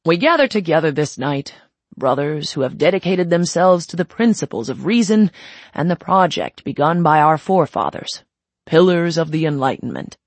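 A woman's voice: low voice, animated, moderate pace, no room sound. Woman reading as a droning pompous society leader. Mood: declaiming. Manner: droning, declaiming speech. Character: pompous older male secret-society leader.

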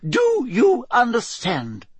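Man acting Professor McGonagall, high-pitched stern witch. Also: wildly swooping pitch, breathy edge, no room sound, full character voice. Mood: brisk, serious. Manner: brisk, formal instructing. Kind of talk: audiobook character voice.

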